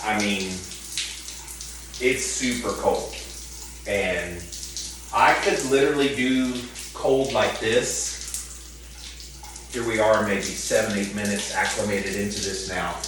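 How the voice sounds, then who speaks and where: Standing under an open hotel shower, a vlogger taking on a cold-water challenge chats calmly to viewers in a fairly low voice, stretching and repeating words for emphasis as he instructs. He talks slowly with frequent pauses. The distant mic picks up an echoey bathroom and loud running water.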